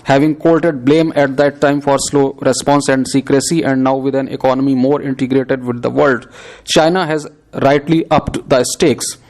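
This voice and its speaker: A man dictating prepared text aloud for a shorthand exercise, reading in a measured, steady, scripted way. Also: mid-range voice.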